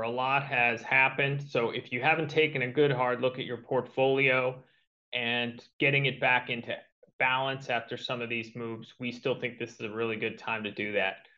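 A man's voice: mid-range voice, sharp tone. A man hosting and moderating a live question-and-answer session. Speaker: host and moderator. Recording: slightly dull livestream audio.

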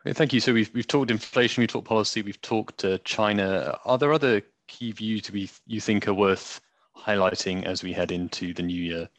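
Deep-voiced man hosting a podcast interview. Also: fairly quick, dry recording. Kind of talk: conversational interview.

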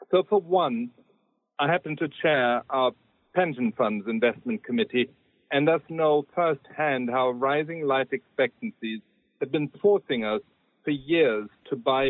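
A man delivers prepared remarks as a podcast guest, measured and steady in his pacing. The sound is thin and phone-like, with almost no room around it. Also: medium pitch, no room sound. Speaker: podcast guest, investment strategist. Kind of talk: prepared remarks read aloud. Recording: tinny phone-like line, dry.

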